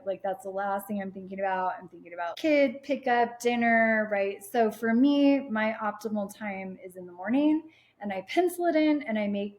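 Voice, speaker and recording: A woman who is a Pilates instructor, a guest in casual chat, upbeat and peppering her talk with "like" and "right?". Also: mid-range voice. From United States.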